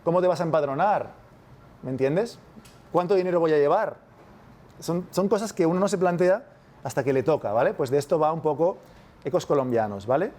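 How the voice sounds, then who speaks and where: A Spanish man with a Spanish accent gives a relaxed university masterclass, checking in with listeners again and again with "¿vale?". His voice sits a little high and sounds slightly mellow, animated and brisk, with frequent pauses.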